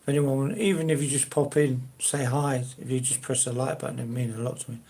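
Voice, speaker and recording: This older man from South London, Cockney-ish in accent, has a warm, mid-range voice and talks fairly quickly. He hosts his own live stream, chatting with viewers in a casual, hesitant, rambling way full of fillers and restarts.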